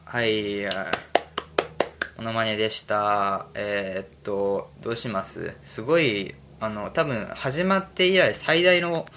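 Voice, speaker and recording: A man's voice: medium pitch, fairly bright tone, slight background noise. A young man hosting a solo podcast, rambling casually and mocking himself. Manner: rambling, self-mocking, drifts between topics. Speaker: podcast host.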